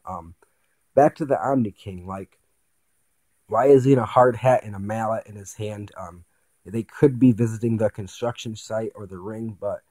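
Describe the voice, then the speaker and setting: A man with a fairly low, very mellow voice hosts a casual anime preview breakdown. He speculates out loud, posing questions and repeating himself for emphasis. The sound is dry and close, with very little room in it. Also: normal speed, no room sound. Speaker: host of an anime commentary channel.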